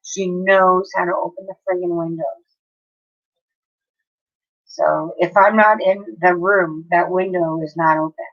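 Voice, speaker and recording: A woman's voice: lowish voice, steady tone, unhurried, pauses often, muffled recording. A woman, livestreaming from home and telling a long story in a casual, chatty way with frequent swearing. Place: home, near an open window.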